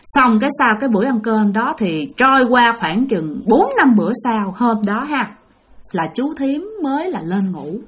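A woman with a slightly high, sing-song voice narrates a ghost story at a normal speed. Her manner is chatty, and she speaks directly to those listening.

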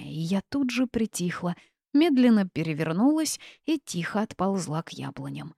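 A woman narrating a first-person storybook in a lively, expressive way, recorded on a close studio mic. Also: lowish voice, no room sound. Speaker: audiobook narrator.

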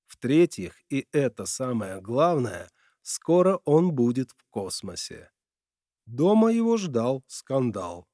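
A male narrator reading a novel aloud with measured, ironic storytelling. His tone is mellow and darker, and the recording is dry and close. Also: mid-range voice, no room sound. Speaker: audiobook narrator. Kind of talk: scripted narration.

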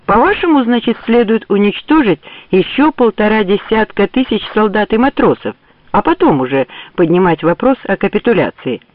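A man's voice: sits high, very animated, moderate pace, dry recording, voice pushed up. A man voicing a grumbling, sarcastic old general in a mocking way. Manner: sneering, mocking. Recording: tinny phone-like dry audio.

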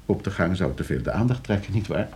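Speaking low and fast with lively intonation and a darkish tone, a male actor plays a courteous professor scheming to get his uncle's inheritance in a radio drama. Calm and exact while instructing, he turns flustered and stammering once someone questions him.

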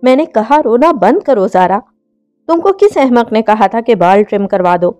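A woman's voice: a little high, animated, measured pace, mellow, faint music behind. A woman voicing a hot-tempered young man who scolds his fiancée in a read-aloud story. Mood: exasperated. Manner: scolding, exasperated.

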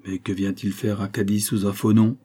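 A man reading the lines of a proud, imperious countess in an audiobook, with sharp, commanding questions. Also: on the low side, little pitch movement, normal speed, breathy edge.

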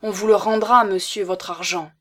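A woman reading aloud, voicing an angry, proud old nobleman father who booms at his son. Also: steady tone, normal speed, a bit bright, natural voice. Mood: wounded. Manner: thunderous, then crushed.

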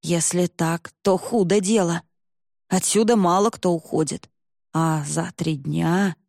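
A woman voicing a gruff, wary man. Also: fairly low pitch, slow pace, a little mellow, no echo, studio quality, exaggerated voice.

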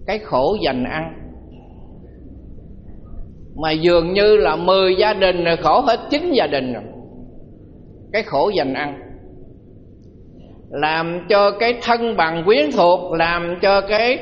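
A man's voice: high-pitched, a little hiss or hum. A man, a Buddhist monk, giving a dharma talk as a sermon, telling stories and asking the audience rhetorical questions. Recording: dull lo-fi audio with long hall reverb.

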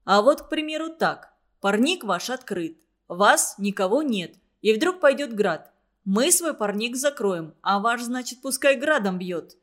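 A steady, sensible boy who leads the group and reasons patiently instead of arguing, as a woman reading a storybook puts him on. He speaks calmly and evenly, close to the reader's own voice. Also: fairly high pitch, measured pace. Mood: explaining. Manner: calm, reasoning. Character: calm, level-headed boy team leader.

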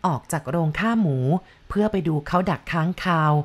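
A woman reads a story aloud with a calm, measured delivery. Her voice sits a little low, and she narrates steadily and descriptively.

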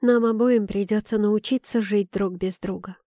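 Woman reading an audiobook, warm mellow tone, dry close sound. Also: medium pitch, fairly even intonation, normal speed, no echo. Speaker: audiobook narrator. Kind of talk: first-person audiobook narration.

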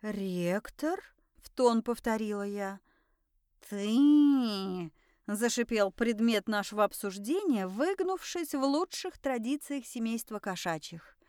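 A woman narrating a first-person audiobook in a lively, ironic storytelling manner. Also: fairly high pitch, moderate pace, clear, resonant tone, no echo, studio quality.

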